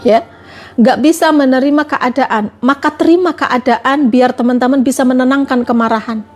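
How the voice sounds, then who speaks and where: A woman with a high-pitched voice speaks at normal speed over faint background music. Giving a religious talk on a live stream, she fires one rhetorical question after another at her listeners.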